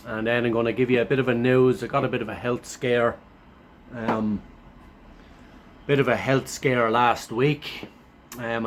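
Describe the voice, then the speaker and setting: Kiwi guy reviewing food, laid back, hoarse swollen-throat voice, sounds run down, bit of noise behind him. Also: medium pitch. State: sore throat, thick hoarse voice; run down after a chest infection. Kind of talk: casual chat to camera.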